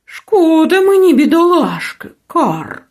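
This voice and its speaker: Abraxas, a croaking raven played by a woman. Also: sits high, big pitch swings, takes it slowly, a little mellow, full character voice. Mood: pitying. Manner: croaks "caw" between phrases. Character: cawing raven companion, chatty and lonely.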